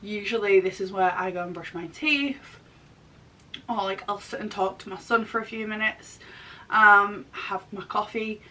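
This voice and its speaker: A woman's voice: measured pace, sharp tone. A woman in her thirties chatting casually through a makeup tutorial while getting over a throat and chest infection. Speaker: makeup artist and vlogger. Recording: distant mic, rumbly background noise.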